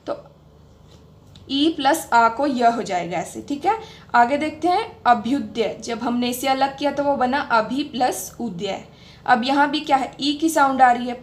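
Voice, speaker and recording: Slow, high-voiced young woman teacher. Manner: patient, repeats sounds slowly and asks questions back. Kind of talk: explaining grammar step by step.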